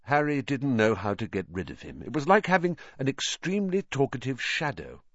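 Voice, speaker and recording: A man reading an audiobook in scripted narration, expressive and voicing the characters. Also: medium pitch, fairly quick, no echo, dull audio.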